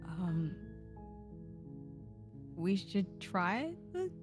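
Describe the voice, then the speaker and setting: A woman's voice: fairly low pitch, big pitch swings, very slow, over music. A woman doing casual gameplay commentary with a playful, theatrical way of talking. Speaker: game player.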